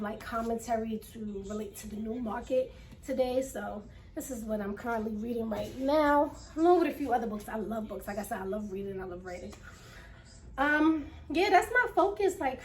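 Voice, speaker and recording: A high-pitched woman chats earnestly to camera in a casual vlog. She sounds a little nervous and slightly out of breath, and circles back over her own phrases. Her voice sits a short way back from the mic. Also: a little mellow, distant mic. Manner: earnest, repeats phrases, many fillers. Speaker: vlogger. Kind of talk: casual first-vlog chat.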